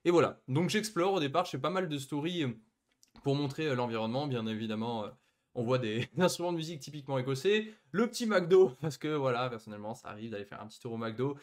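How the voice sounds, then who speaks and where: A man's voice: mid-range voice, lively intonation, fast talker. A young man from France narrating his travel vlog in a chatty way, speaking straight to his viewers with plenty of fillers. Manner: chatty, addresses viewers directly, frequent fillers. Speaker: vlogger narrating his trip. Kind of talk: casual commentary over travel footage.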